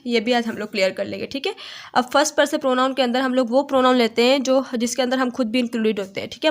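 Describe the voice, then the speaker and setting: Teacher lady, kinda high voice, slow explaining, keeps saying theek hai. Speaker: English teacher. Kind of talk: online grammar lecture.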